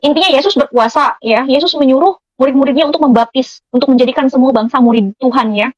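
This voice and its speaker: A woman's voice: high-pitched, fast talker, no echo, lo-fi sound. A woman giving an emotional personal testimony, speaking earnestly to her listeners as friends, with many fillers.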